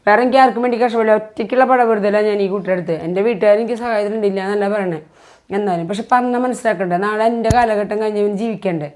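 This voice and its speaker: A middle-aged woman talks quickly in an everyday family vlog. She sounds like a mother lecturing with earnest insistence, and she comes back to the same points again and again. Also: medium pitch, darkish tone. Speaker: mother vlogger. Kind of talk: casual family vlog conversation.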